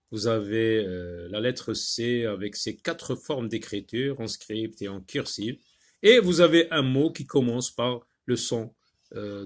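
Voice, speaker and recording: A man teaching a phonics lesson to young learners, patient and repetitive, sounding out words syllable by syllable with frequent filler sounds. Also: medium pitch.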